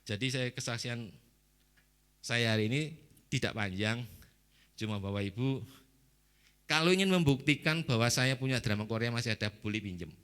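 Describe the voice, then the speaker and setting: A man giving a testimony at a church service, quizzing the congregation in a lively way. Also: medium pitch, moderate pace, pauses often, clear, resonant tone. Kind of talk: spoken testimony.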